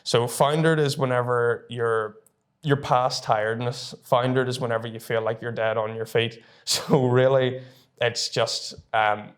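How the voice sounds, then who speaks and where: A man's voice: mid-range voice, steady tone, unhurried. A man in his early twenties from Northern Ireland with a Northern Irish accent, talking casually and chattily to camera as a student presenter. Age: early 20s. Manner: informal, chatty.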